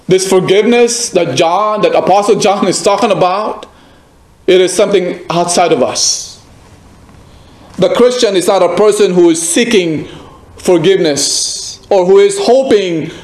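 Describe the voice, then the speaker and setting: Male pastor, high and unhurried delivery, sermon with pointed questions to the listener. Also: a little mellow. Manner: emphatic, repeats phrases, asks the listener direct questions. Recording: echoey room.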